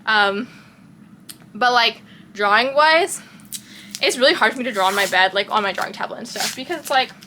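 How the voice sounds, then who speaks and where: A woman's voice: on the high side, normal speed, pauses often, pushed and bright, a little hiss or hum, rough recording. A young woman from Texas with a light Texan accent, rambling in casual chat in her bedroom and often losing her train of thought. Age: young adult. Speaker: vlogger.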